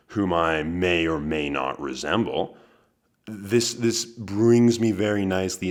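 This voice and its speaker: A man in his twenties hosting a podcast, delivering a comedic monologue in a dry, deadpan manner with wry asides. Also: low voice. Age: 20s. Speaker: podcast host.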